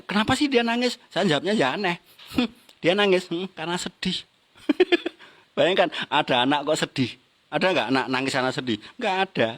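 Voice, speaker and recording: A man's voice: on the high side, fairly bright tone. A middle-aged man gives a motivational seminar talk, teasing the audience with questions and laughing along. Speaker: business motivational trainer.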